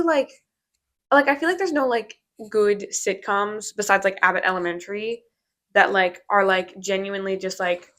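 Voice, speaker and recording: A woman's voice: mid-range voice, fairly bright tone. A woman hosting a casual podcast, rambling with lots of fillers as she chats about movies. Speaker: podcast host. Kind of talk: casual chat.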